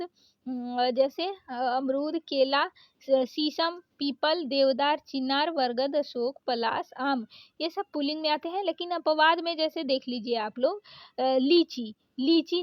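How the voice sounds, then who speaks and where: A woman with a high voice gives an exam-prep grammar lesson, reading words out one at a time between short hesitant fillers. The sound is dry and close, with a slightly dull, muffled tone. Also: dry recording. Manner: reads out word lists with many pauses and "अ" fillers. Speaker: teacher.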